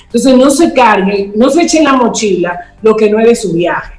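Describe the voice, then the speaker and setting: A woman speaking as a guest in a talk show, giving advice and acting out everyday quoted dialogue, slowing down to stress her points. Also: on the high side, lively intonation, a little mellow, echoey room, soft background music, poor audio. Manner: acts out quoted dialogue, slows for emphasis.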